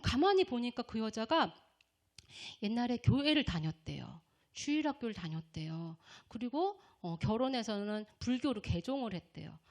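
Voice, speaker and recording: A woman's voice: sing-song, moderate pace. A woman missionary preaching a revival sermon, emphatic, asking the congregation questions and answering them herself. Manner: acts out shouting voices in a high pitch.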